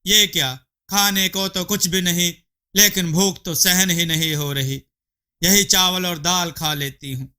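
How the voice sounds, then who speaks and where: A man voicing a lazy, greedy village wife in a storybook tale, with a whiny, excitable manner. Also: high voice, a little slow, clear, resonant tone, full character voice. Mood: panicked hungry.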